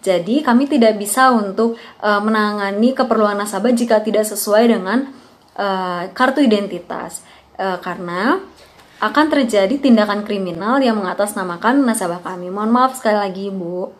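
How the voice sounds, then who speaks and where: A woman's voice: mid-range voice, normal speed, lightly acted. A woman playing a patient bank officer in a role-play, with a formal, apologetic customer service voice. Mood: apologetic, firm.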